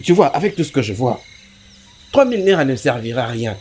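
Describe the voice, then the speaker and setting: A man's voice: mid-range voice, big pitch swings, brisk, darkish tone, slight background noise, natural voice. An actor playing a strict, short-tempered male dance teacher who scolds his student in a dubbed film. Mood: scolding.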